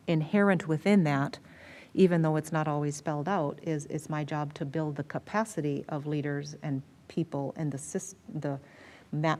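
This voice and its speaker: Her deep, slightly mellow voice carries through a school board meeting room. She's an American school district superintendent explaining matters in a meeting presentation, leaning on repeated words for emphasis.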